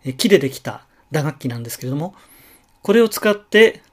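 Slow, careful male pronunciation teacher. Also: a little high, sing-song. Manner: slow, careful, with drawn-out model syllables. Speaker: language teacher. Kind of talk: slow instructional lecture.

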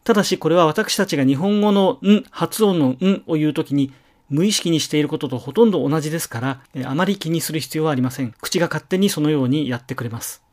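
A middle-aged male teacher lectures at a slow, measured pace, voice sitting a little high for a man. He breaks off to pronounce example words with care before going on. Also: darkish tone. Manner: slow, methodical, with careful demonstration pronunciations. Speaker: language teacher.

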